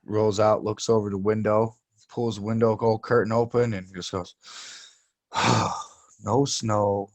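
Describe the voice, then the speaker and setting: A man with a lowish voice talks in a rambling, laid-back stoner manner. He sounds like a casual podcast co-host who swears freely. The sound is dry, with little room around it. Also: flat delivery, measured pace, no echo. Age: adult, parent of young child. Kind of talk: casual podcast banter and storytelling.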